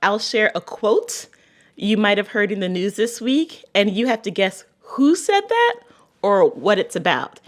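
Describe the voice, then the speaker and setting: A woman's voice: mid-range voice, very animated, unhurried. A woman from Barbados hosting a radio podcast, asking questions conversationally and reading upbeat scripted intros. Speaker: guest host.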